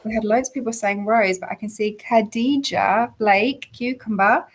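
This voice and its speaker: A woman's voice: fairly high pitch, steady tone, normal speed. An upbeat woman hosts a live online quiz and reads out viewer comments. She is losing her voice, so it sounds a little strained. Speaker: community manager hosting a live quiz. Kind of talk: casual live-stream chat.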